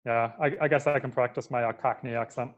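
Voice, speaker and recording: A man from Michigan chatting as a podcast guest, relaxed and full of "like" fillers. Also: mid-range voice, fairly quick, highs cut off. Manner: relaxed, filler-heavy, lots of "like". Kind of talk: casual interview chat.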